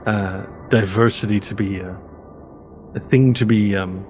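A man voicing a polite, earnest elf chauffeur in a tabletop game, speaking formally and haltingly. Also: fairly low pitch, fairly even intonation, a little mellow, soft background music, close to an everyday voice. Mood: measured, candid. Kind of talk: tabletop role-play.

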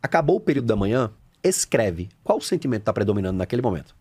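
A man with a Brazilian Portuguese accent, a coach chatting on a podcast, animated and slangy, acting out little scenes. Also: fairly low pitch, rapid-fire, breathy edge. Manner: animated, acts out scenes with shouted quotes, slangy. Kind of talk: casual podcast conversation.

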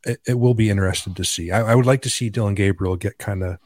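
Male co-host, low voice, measured and dry, close dead sound. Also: darkish tone, dry recording. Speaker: podcast co-host. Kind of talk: casual podcast chat.

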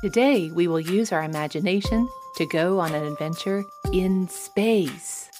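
Slow-paced woman guiding young children. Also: on the low side, music in the background. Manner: gentle, encouraging, simple instructions with pauses. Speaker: children's movement and mindfulness guide. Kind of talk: guided imaginative lesson for young children.

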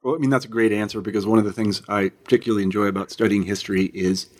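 A man hosting an interview podcast in a relaxed, conversational way, with a few fillers. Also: lowish voice, very fast. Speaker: podcast host.

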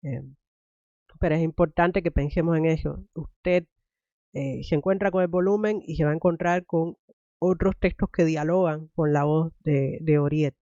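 A woman's voice: sits low, steady tone, moderate pace, mellow, no echo. Young Cuban woman hosting, dull lo-fi sound. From Cuba. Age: young adult. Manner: thoughtful, many "eh" fillers and restarts. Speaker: podcast host, academic. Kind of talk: conversational interview, then reading a poem aloud. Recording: dull, lo-fi dry recording.

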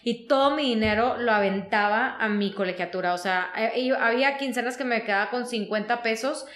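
A woman's voice: fairly high pitch, a little fast. Woman telling her story, roomy sound. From Mexico. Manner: animated, frequent fillers like "o sea" and "¿no?". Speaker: guest, HR consultant. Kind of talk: conversational interview storytelling.

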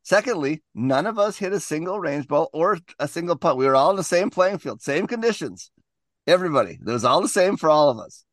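Guy on a golf podcast, kinda high voice, dry close mic, keeps cracking up. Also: lively intonation, a little fast, fairly bright tone, no echo. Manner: laughs while telling a story. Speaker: podcast co-host. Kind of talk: casual chat.

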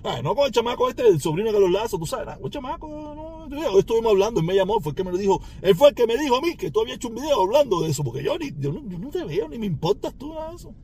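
A man's voice: very high voice, big pitch swings, very fast, few pauses, darkish tone. A man with a Cuban Spanish accent, ranting at a rival on his podcast in a taunting, sarcastic way with mocking laughs. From Cuba. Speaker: podcast host.

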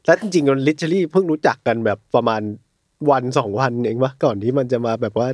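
A man co-hosts a podcast in loose chat, joking around and swearing freely. He fills pauses with short "mm" sounds while the other host talks. The recording is dry and close. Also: mid-range voice, expressive, darkish tone, dry recording. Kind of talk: casual chat.

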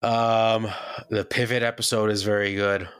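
A man with a lowish voice answers questions in a relaxed chat. He hesitates often, trailing into ums and likes as he thinks. The recording is dry and close-up. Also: a little slow, clear, resonant tone, dry recording. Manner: hesitant, filler-heavy answers. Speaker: guest. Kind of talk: casual chat.

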